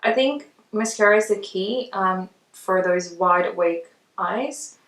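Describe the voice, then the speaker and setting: A makeup vlogger chats her way through a casual tutorial in a conversational style. Her voice is medium-pitched, slow, and a bit bright, picked up by a distant mic with roomy echo.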